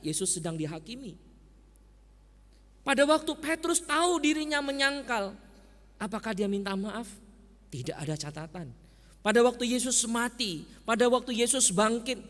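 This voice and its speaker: A man preaching a sermon as pastor, animated, firing rhetorical questions at the congregation. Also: very high voice. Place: church sanctuary. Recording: echoey church hall.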